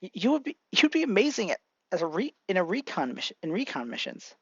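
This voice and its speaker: A man voicing a shy, kind teenage boy hero who speaks haltingly. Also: high voice, huge pitch swings, husky, no room sound, dull audio, full character voice. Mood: shy earnest. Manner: halting, hesitant.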